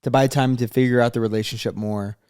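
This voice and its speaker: A man's voice: mid-range voice, steady tone, quick pace, a little mellow, clear, resonant tone, dry recording, studio quality. Plain-spoken American man in casual advice chat. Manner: plain-spoken, opinionated, voices imagined quotes. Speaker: co-host giving dating advice.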